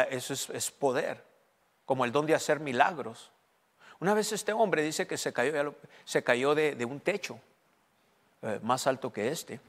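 Preacher with a long hall echo. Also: male voice, medium pitch, a bit bright. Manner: asks the congregation questions, switches between Spanish and English. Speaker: pastor. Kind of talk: sermon.

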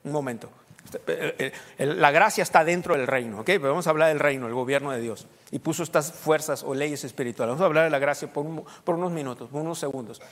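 A middle-aged man preaching a sermon as pastor, emphatic and rising to loud peaks as he counts off his points. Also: on the high side, quick pace. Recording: long hall reverb.

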